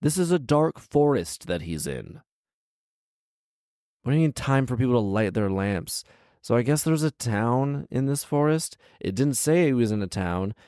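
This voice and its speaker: A man in his thirties, acting as storyteller and host, reads a fairy tale into a close handheld mic in a small indoor living room and keeps breaking off for bantering, incredulous commentary. His mid-range voice is dark and animated, at normal speed with no echo.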